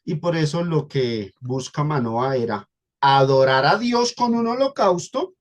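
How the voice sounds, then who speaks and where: A Colombian man preaching a Bible study to a congregation. His voice sits fairly high, and he speaks in a teaching manner. He slows down on key words and repeats them for emphasis. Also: lively intonation.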